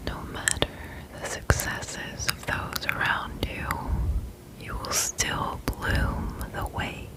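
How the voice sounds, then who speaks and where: Woman whispering a very slow, soothing pep talk. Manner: soothing, slow, repeats phrases. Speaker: ASMR host.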